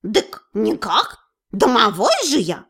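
A gruff little house spirit with burring r's, scolding in a folksy way, as a woman reader voices him. The voice is high, bright and lively, with slow, careful delivery. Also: exaggerated voice. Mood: meek.

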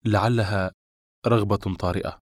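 A weary, evasive man, played by a male audiobook reader answers in short, listless phrases. The voice sits low, and the sound is dry and close, with no room around it. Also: fairly even intonation, normal speed, no echo, close to an everyday voice.

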